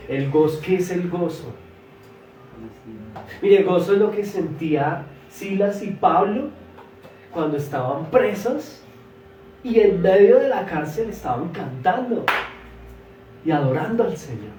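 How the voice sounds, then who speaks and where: Man preaching a sermon, fairly high voice, echoey church hall, distant from the mic. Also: lively intonation, slight background noise. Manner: emphatic, swings between loud exclamations and soft asides; stretches words slowly for emphasis. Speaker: pastor.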